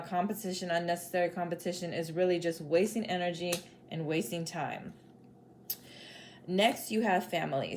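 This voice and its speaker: A woman's voice: on the low side, a little hiss or hum. A woman doing a casual tarot reading as a psychic medium, chatty and blunt, circling back to the same advice and sometimes swearing. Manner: chatty, repetitive, peppered with "like" and "spirit is like".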